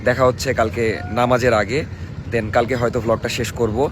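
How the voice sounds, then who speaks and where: A young Bangladeshi man speaks in a hoarse, mid-pitched voice. He talks quickly and casually, as if addressing vlog viewers and friends. There is faint street noise around him. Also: level tone. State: hoarse voice from a cold night out. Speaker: vlogger. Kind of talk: casual vlog narration and chat. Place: mostly outdoors at night and early morning.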